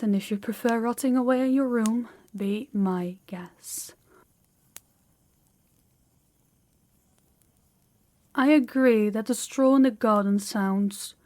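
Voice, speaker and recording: In an intimate audio roleplay, a woman plays a proud, guarded young princess, addressing the listener in a measured, formal, slightly awkward manner. Her natural voice is medium-pitched with a darkish tone, and the mood is stiff and composed.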